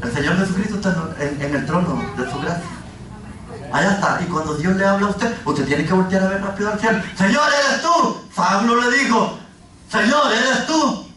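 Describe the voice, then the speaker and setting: A man preaching a fervent sermon as pastor, often rising to a shout. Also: sits high, a little fast, slight background noise. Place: church. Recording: echoey church hall, from far off.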